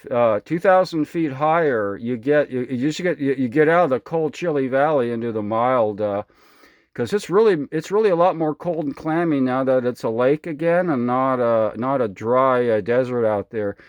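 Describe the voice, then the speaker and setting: An American man, an amateur radio operator, chats casually from his home radio station indoors, rambling in a folksy, enthusiastic way. His voice is mid-range at a moderate pace, with no room sound.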